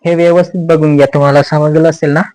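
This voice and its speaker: In a rough recording, a man with a Marathi accent teaches English pronunciation slowly, patiently repeating each word and its meaning. His fairly high, darkish voice is delivered flatly.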